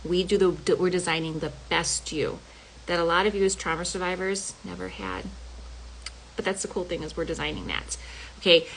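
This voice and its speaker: Middle-aged woman coach, low voice, chatty and emphatic, lots of y'all, faint hiss behind. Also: fairly even intonation, normal speed, gravelly, low-quality recording. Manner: chatty, emphatic, says "y'all" and "okay?" a lot. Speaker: health coach. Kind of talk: casual talk to camera.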